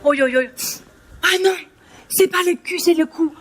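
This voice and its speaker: Speaking a little slowly in a very high voice, a young female comedian plays a bubbly Spanish language teacher who runs a class in French with a Spanish accent. The stand-up character act takes place on a theatre stage, where she teases the live audience playfully.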